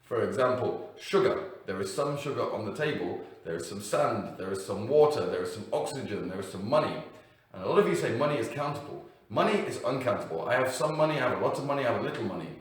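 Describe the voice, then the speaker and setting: A man's voice: mid-range voice, animated, fast talker. Male English teacher, unscripted, punchy stress on example words; distant mic, heavy room echo. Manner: unscripted, with fillers and self-corrections, emphatic on example words. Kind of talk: explaining grammar to learners.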